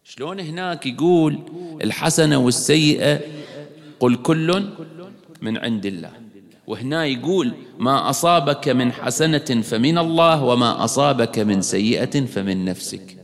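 A man preaching a sermon. He argues emphatically and asks rhetorical questions with sharp rises in his voice. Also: mid-range voice, lively intonation, normal speed. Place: mourning house hall. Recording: long hall reverb.

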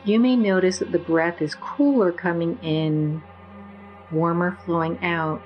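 Woman, meditation guide, very slow and gentle, lowish voice, faint music under. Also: steady tone, dull audio. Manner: slow, soothing, gentle instructions.

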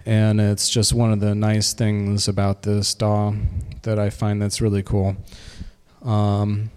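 A man giving a casual, halting demo of his music software, with a reverb effect on his voice. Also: fairly low pitch, completely flat delivery, smooth. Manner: halting, many fillers. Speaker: music producer.

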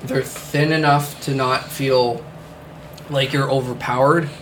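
A man's voice: medium pitch, steady tone, slow pace, a bit bright, slight background noise. A man hosting a casual podcast chat, rambling with many fillers and the odd swear word. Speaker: podcast host.

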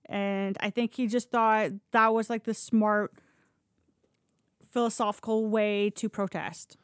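In a slow, smooth mid-range voice with little pitch movement, a female podcast host tells casual stories, speaking bluntly and swearing loosely. The recording is dry and of studio quality.

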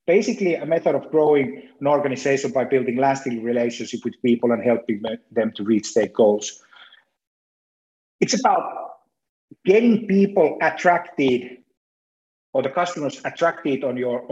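A man giving a webinar presentation on sales, speaking haltingly with frequent restarts. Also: medium pitch, warm tone. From Finland. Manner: halting, many restarts and fillers. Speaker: marketing consultant presenter. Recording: echoey room, dull lo-fi sound.

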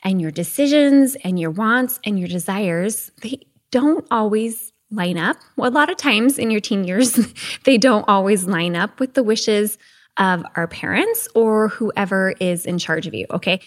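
A woman's voice: medium pitch, lively intonation, a little slow. Woman podcast host recorded under a blanket. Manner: chatty, keeps checking in with "okay?". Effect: recorded under a blanket, muffled. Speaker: podcast host and teen life coach. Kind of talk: casual solo podcast talk. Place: empty echoey home office, under a blanket.

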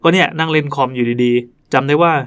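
Give me a chatty male podcast host reading listener ghost stories, slightly higher voice. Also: brisk, fairly bright tone. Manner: chatty, breaks off to joke and comment.

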